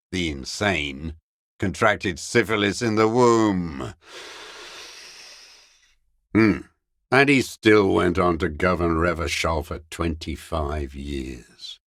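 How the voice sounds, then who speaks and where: An old revolutionary deserter in a video game, full of bitter contempt. His voice sits low and he delivers his dogma slowly, as a zealot who scorns everyone. The sound is very dry, with no room around him. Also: fairly bright tone, dry recording, heavily acted. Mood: scornful. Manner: slow, contemptuous, doctrinaire ranting. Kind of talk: video game character dialogue.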